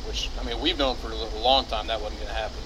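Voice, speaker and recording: A man's voice: lowish voice, steady tone, fast talker. A man hosting a sports podcast with casual, slangy banter. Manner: slangy, says dude and man. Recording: faint background noise.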